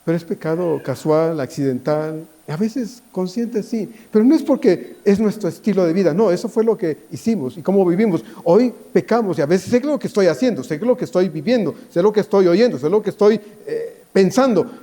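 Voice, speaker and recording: A man preaching a sermon as pastor, pleading and dropping to a hushed voice at times. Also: high-pitched.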